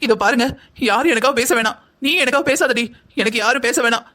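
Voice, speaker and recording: A woman's voice: medium pitch, rapid-fire, fairly bright tone, close to an everyday voice. A woman voicing an anxious, scheming middle-aged mother who talks in a dramatic, self-pitying way in a cartoon drama. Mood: wounded.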